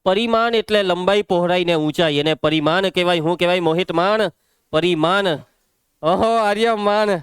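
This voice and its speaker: A young man with a Gujarati accent leads a maths class in a brisk, commanding way, questioning pupils by name and hushing them when they chatter. His voice sits high and stays smooth and clear. The recording is dry and close, with no room echo. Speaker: maths teacher. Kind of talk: live classroom lesson.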